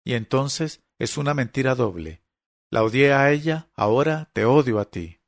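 A man voicing an angry blind young girl who lashes out in shrill, accusing outbursts. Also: big pitch swings, unhurried, creaky, darkish tone, dry recording, clean studio sound, full character voice. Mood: bitter.

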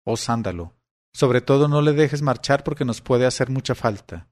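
A man reading as a grave, measured grand vizier. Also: mid-range voice, expressive, a little mellow, natural voice. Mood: stern. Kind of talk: audiobook character reading.

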